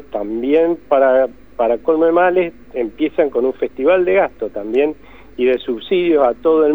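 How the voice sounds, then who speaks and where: An Argentine man being interviewed as an economist, explaining emphatically and often rephrasing himself. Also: mid-range voice. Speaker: economist guest. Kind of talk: interview answers. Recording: tinny phone line.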